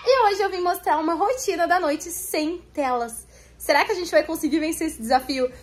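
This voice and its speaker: A chatty, lively vlogger mother with a high female voice talks to viewers at normal speed. It's a family vlog chat recorded indoors at home on a phone camera.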